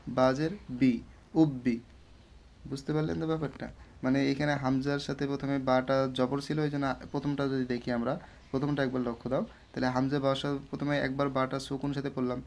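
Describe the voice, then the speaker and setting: A man teaching Quran reading with a Bangladeshi Bengali accent, taking it slowly and patiently. He drills each syllable and combines them step by step. His voice sits at a middling pitch, and he keeps pausing to ask whether the learners have understood. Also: gravelly, darkish tone. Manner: slow syllable-by-syllable drilling, repeated check-in questions. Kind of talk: patient spelling-out lesson.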